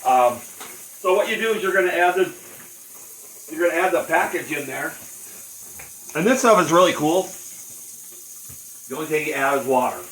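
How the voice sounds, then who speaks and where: A man's voice: on the high side, expressive, normal speed, pauses often, a bit bright. A man hosting a casual cooking demonstration, talking in laid-back stoner slang. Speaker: cooking show host. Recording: roomy, distant mic, faint noise.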